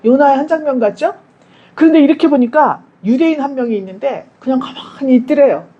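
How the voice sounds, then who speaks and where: A woman's voice: high-pitched, fairly quick, muffled recording. A woman pastor giving a Sunday sermon in a church. She talks to the congregation conversationally, asks them questions and acts out quoted prayers and dialogue.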